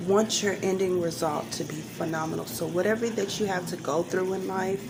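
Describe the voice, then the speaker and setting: Lower-pitched woman giving earnest motivational talk, noisy recording. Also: steady tone, normal speed. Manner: earnest, emphatic, repeats phrases for emphasis. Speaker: home cook and hairstylist giving motivational advice. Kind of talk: casual motivational talk to viewers. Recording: clearly noisy room ambience.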